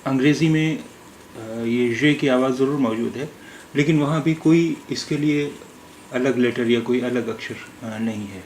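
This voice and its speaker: A man teaching a recorded language lesson, pronouncing words slowly and carefully, repeating each one with many hesitant pauses. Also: mid-range voice, a little mellow, slight background noise. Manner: slow, careful pronunciation drills with many hesitations.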